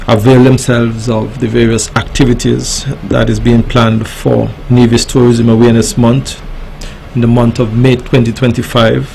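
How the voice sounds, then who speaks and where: Male talk show host, Caribbean accent, formal and polite, mid-pitched with vocal fry, slight background noise. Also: little pitch movement, darkish tone, rough recording. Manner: courteous, formal, deliberate phrasing. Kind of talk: formal radio interview hosting.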